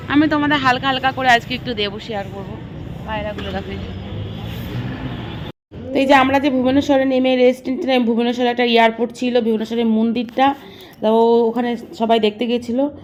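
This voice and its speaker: Hoarse woman vlogging outdoors by phone. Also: a little high, steady tone, brisk, a little hiss or hum. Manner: chatty, talks straight to viewers. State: hoarse from a cold. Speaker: travel vlogger. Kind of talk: casual travel vlog. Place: outdoors, bus stop and beach.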